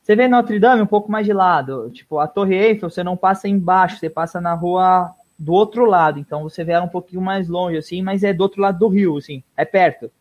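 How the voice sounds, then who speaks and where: Man, high-pitched talker, animated storyteller in a casual chat who swears freely and lets his voice drop away at the ends of thoughts. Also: fast, few pauses, lo-fi sound. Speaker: guest runner.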